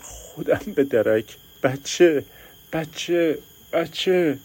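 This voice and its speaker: A man voicing a young village woman in labor, crying out in strained, drawn-out pain. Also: fairly low pitch, a little mellow, husky, pitched above the performer's own voice. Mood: desperate.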